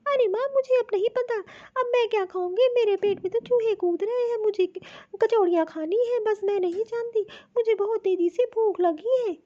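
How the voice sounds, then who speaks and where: Cartoon: woman doing a whiny spoiled daughter, very high, dark tone, lo-fi. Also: moderate pace, few pauses. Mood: demanding. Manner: whiny, demanding. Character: spoiled young married daughter, demanding, whiny.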